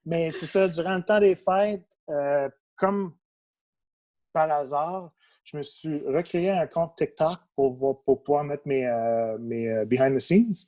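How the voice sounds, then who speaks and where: A young adult toy photographer from Quebec, native in English but with a Québécois accent, is a guest on a podcast. His voice is on the high side and his pace is measured. He talks casually and in a relaxed manner, with lots of fillers and restarts.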